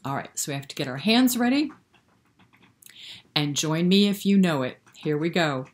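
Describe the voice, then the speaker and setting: Her voice sits low and is very animated, moving at a normal speed. She is hosting a story time for small children, talking right to them with questions and encouragement during an interactive read-aloud that includes singing.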